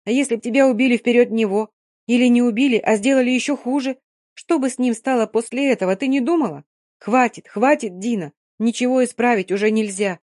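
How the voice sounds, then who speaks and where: A woman's voice: fairly high pitch, measured pace, few pauses, warm tone, dry recording, clean studio sound, voice pushed up, natural voice. A woman reading an audiobook, voicing a fierce, stubborn young woman who scolds sharply and then consoles firmly. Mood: scolding.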